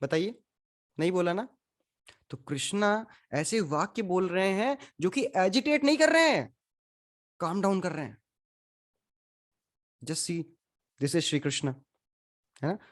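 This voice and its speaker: A man leads a scripture class in a steady, conversational voice. He keeps asking his listeners questions and drops English phrases into his explanations. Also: high-pitched, takes it slowly, long pauses. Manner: questions the audience, mixes in English. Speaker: spiritual teacher. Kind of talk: Gita class lecture.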